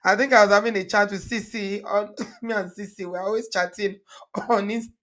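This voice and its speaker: A slightly hoarse woman with a Nigerian accent speaks at a medium pitch, sounding like she is getting over a cold. She hosts a casual online show, chatting directly to her viewers in a loose, conversational way. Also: steady tone, normal speed, a bit bright. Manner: chatty, repeats greetings and thanks. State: recovering from a cold. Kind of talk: casual livestream commentary to viewers.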